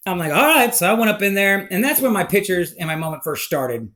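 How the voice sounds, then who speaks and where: A man recounting a personal life story in a rambling, emotional, animated way. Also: sits high, quick pace.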